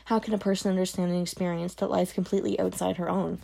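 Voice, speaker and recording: A woman narrates an audiobook in the first person at a steady, measured pace. Her voice sits low and has a gravelly fry.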